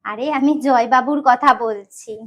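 A woman's voice: a little high, unhurried, background noise, close to an everyday voice. An actress playing a doting, dramatic middle-aged mother-in-law who gushes and talks of herself by name. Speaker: mother-in-law visiting her daughter.

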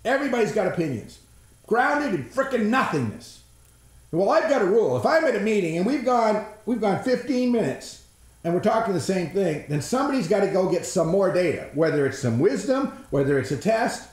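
A man giving an energetic, blunt, folksy presentation on innovation, sometimes swearing for emphasis. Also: high-pitched, moderate pace, reverberant. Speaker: innovation trainer.

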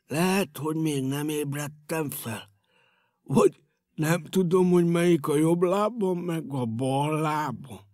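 A man's voice: very high voice, big pitch swings, no echo, clean studio sound, voice pushed up, exaggerated voice. An actor voicing a chocolate-obsessed round male creature who mumbles, frets and snaps in anger. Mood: muddled. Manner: mumbling, huffy, easily startled.

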